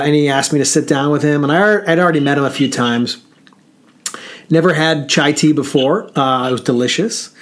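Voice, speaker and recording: Male podcast co-host, mid-pitched, very slow and halting delivery, reflective storytelling. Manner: slow and halting, with frequent pauses and fillers. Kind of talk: reflective storytelling in casual chat.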